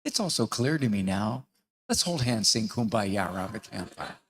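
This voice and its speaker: A man's voice: on the low side, lively intonation, moderate pace, a bit bright, pitched below the performer's own voice. A man voicing a sweetly submissive young child in a mock-sincere, sugary way.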